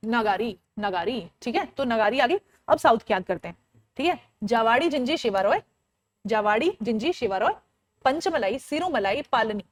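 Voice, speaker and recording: A woman's voice: a little high, no echo. A woman teacher running an online exam-prep lecture, quizzing her listeners, answering her own questions and drilling lists in a sing-song chant, with English phrases mixed in.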